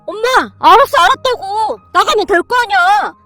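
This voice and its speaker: A woman's voice: very high voice, lively intonation, a little fast, soft background music, voice pushed up. A woman voicing a whiny grown son who pleads and complains to his mother. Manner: whining, pleading.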